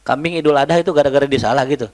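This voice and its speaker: Joking preacher with slang. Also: male voice, fairly high pitch, very fast. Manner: lively, joking, colloquial Jakarta slang mixed with Arabic recitation. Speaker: Islamic teacher. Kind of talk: religious study lecture.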